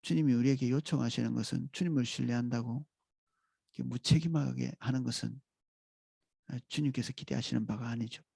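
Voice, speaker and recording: Male pastor, dawn sermon, gravelly mellow voice, measured and reflective delivery. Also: mid-range voice, dry recording. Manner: calm, reflective, with pauses and restarts.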